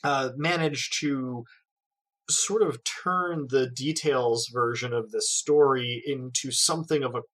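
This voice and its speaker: A man narrating a tabletop game as game master, pausing often with fillers and restarts. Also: medium pitch, fairly bright tone, rough recording. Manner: hesitant, many fillers and restarts.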